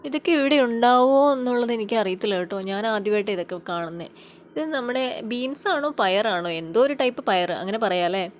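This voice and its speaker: A woman's voice: a little high, animated, brisk, slight background noise. A woman from Kerala giving a casual, chatty farm-tour vlog outdoors in a garden, explaining things and often tagging on little questions. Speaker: vlogger.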